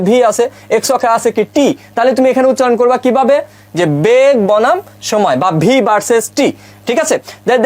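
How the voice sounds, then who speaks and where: A man teaching a physics lecture, posing quick questions and answering them himself, with English terms mixed in. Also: extremely high pitch. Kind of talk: classroom lecture.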